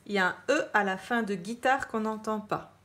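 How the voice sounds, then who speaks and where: A woman's voice: medium pitch, fairly bright tone. A woman teacher giving a dictation lesson to children, repeating each word with emphasis and spelling it out letter by letter. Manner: slow, clear dictation, spelling words letter by letter. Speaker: primary school teacher.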